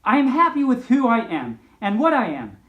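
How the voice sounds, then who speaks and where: A woman plays a sly male wolf from a storybook. He speaks in a coaxing, soft way with swooping intonation, in an echoey room. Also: on the high side, huge pitch swings, moderate pace, highs cut off. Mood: self-assured.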